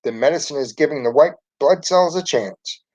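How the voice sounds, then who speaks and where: Brief: a man playing a keen schoolboy, raised pitch, storybook reading, dull recording. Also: lively intonation, moderate pace, darkish tone. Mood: cheering. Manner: enthusiastic. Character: cheering schoolboy.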